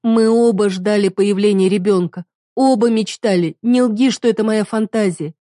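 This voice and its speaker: A woman voicing a heartbroken young wife who shouts bitter accusations at her husband, on the edge of tears. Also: mid-range voice, normal speed, no room sound, clean studio sound, pitched above the performer's own voice, lightly acted. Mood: anguished shouting.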